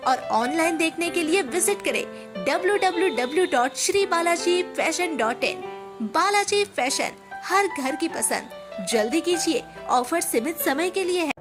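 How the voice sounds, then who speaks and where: A woman with an Indian accent reading a scripted hard-sell advertisement as an emphatic promotional announcer. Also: extremely high pitch. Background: music.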